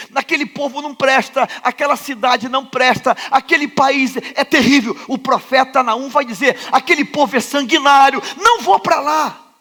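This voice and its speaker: The speaker is a male pastor with a Rio de Janeiro Brazilian Portuguese accent, and his voice is extremely high. Preaching in a large church sanctuary, he repeats refrains, asks rhetorical questions and swings between quiet and loud.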